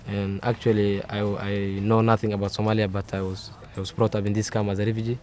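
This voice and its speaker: Low-voiced young man, earnest and stumbling. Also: little pitch movement, fast talker, a little mellow, slight background noise. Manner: earnest, stumbling over words. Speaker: refugee. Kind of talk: interview answers.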